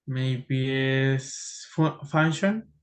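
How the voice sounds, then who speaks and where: A man's voice: mid-range voice, extremely slow. A man answering as a student in a language lesson, with hesitant, tentative answers. He repeats phrases after his teacher.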